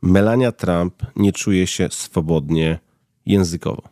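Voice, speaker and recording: A man's voice: low-pitched, a little slow, dark tone, no echo, studio quality. A man co-hosting a casual discussion, terse and matter-of-fact. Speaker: co-host.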